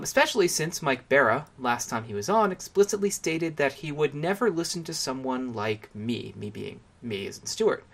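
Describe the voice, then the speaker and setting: A man hosting a casual podcast with a mid-range voice. He reads listener questions aloud, and his pitch jumps up as he starts each new point. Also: fairly bright tone. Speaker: podcast host.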